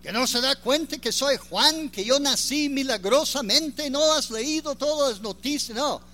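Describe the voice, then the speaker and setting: A man delivering a sermon, his voice pitched high and ringing bright. He speaks earnestly and without hurry, stopping often to search for words, then lifts his delivery on the points he wants to stress. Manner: earnest, unhurried, with many pauses and fillers. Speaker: preacher.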